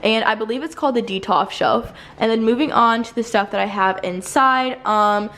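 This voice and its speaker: A woman's voice: fairly high pitch, moderate pace, fairly bright tone. A young woman vlogger giving a casual home tour, chatty and upbeat, full of "like" and "you know", with a slight lisp.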